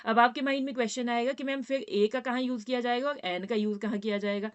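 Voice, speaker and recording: A woman's voice: a little high, steady tone, fast talker, smooth, highs cut off. A woman teaching a grammar lesson, patiently repeating points and checking in with her students. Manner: addresses students as "बेटा".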